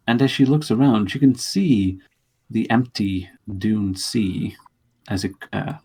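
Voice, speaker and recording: A man with a low, husky voice works as game master of a tabletop role-play. He narrates very slowly and deliberately, leaving dramatic pauses between phrases. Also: a little mellow.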